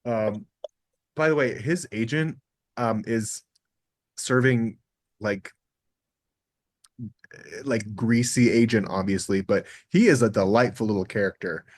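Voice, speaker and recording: A man's voice: lowish voice, slow, pauses often, no echo, clean studio sound. A man co-hosting a podcast, recapping a TV episode in casual chat, playful and catty. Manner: playful, catty, quotes characters in funny voices. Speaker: podcast co-host.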